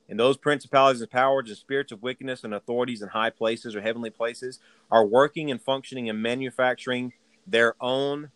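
A man preaching in a Southern US accent, his voice sitting at an ordinary middle pitch. He teaches a sermon with earnest emphasis, circling back to repeat his key words. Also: fairly bright tone, no echo, low-quality recording.

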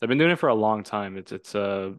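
A man's voice: on the low side, expressive, fairly quick, no room sound, clean studio sound. A man in his twenties from Toronto, hosting a casual podcast conversation in an earnest, reflective, rambling way. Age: 20s. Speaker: podcast host.

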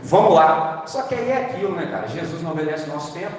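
A man's voice: fairly high pitch, expressive, racing. A man with a Brazilian accent preaching a sermon in a colloquial, storytelling way, acting out the voices in his stories. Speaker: pastor. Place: church service. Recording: echoey church hall, mic from far off.

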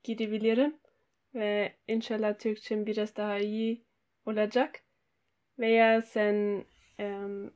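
Foreign woman speaking halting, broken Turkish. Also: mid-range voice, flat delivery, darkish tone. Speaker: podcast guest. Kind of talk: casual chat. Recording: dull lo-fi sound.

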